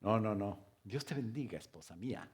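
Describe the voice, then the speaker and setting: A man preaching a sermon as pastor, firing rhetorical questions and joking asides, now loud and emphatic, now quiet. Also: on the low side, expressive, normal speed. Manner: swings between loud emphatic stress and soft quiet stretches.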